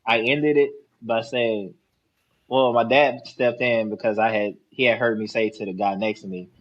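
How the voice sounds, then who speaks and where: Casting: man, low deep voice, relaxed slangy panel talk, muffled dull recording. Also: moderate pace. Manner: laid-back, laughs easily, slangy. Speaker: podcast panelist. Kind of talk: casual chat.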